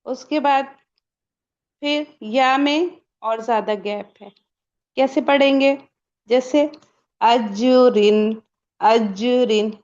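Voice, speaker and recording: A woman's voice: a little high, a little mellow, lo-fi sound. A woman teaching a Quran pronunciation lesson step by step, asking and answering her own questions and stretching out sample sounds.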